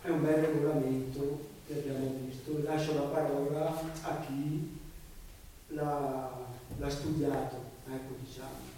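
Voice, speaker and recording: Uomo dalla voce piatta e ovattata, molto eco. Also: male voice, a little high, level tone, unhurried, dark tone. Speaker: local councillor. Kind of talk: brief formal meeting remarks. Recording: very echoey room, distant mic, faint noise.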